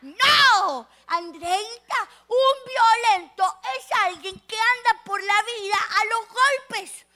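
A woman's voice: very high voice, slow, hardly any pauses, sharp tone, voice pushed up, exaggerated voice. A woman voicing a stern, caring mother who explains things to her daughter, indignant.

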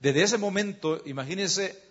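A man preaching a sermon, explaining scripture and reading passages aloud in a measured, emphatic way with occasional hesitant fillers. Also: sits high, fairly bright tone, breathy edge. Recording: slightly dull lo-fi recording.

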